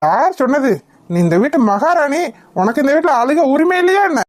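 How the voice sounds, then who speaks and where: A woman's voice: sits high, big pitch swings, a little fast. A woman voicing a cheeky, idle young man in a cartoon comedy, mocking his grandmother.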